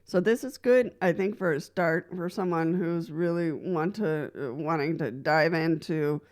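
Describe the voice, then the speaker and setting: Talking to camera in a casual vlog, a woman from Costa Rica who uses a wheelchair shares practical, experience-based advice. Her voice is low-pitched and darkish, and she doesn't rush. Light laughter comes between her points, and she frequently starts over with "so."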